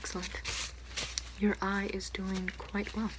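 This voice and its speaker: In this ASMR clip, a young woman takes on a doctor role, her medium-pitched voice soft and breathy, frequently whispering, with steady intonation and a courteous, relaxed pace. The home recording from a small room has a clear background hiss.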